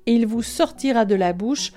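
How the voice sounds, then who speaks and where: A woman reading a storybook, voicing a calm, stately fairy disguised as a princess. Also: fairly high pitch, normal speed, natural voice. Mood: stern.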